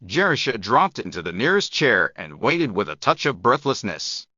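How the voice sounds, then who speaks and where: A man narrating an audiobook story in measured phrases with long gaps between them. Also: fairly low pitch, big pitch swings, pushed and bright, dull audio, a little hiss or hum. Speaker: narrator of English shadowing practice.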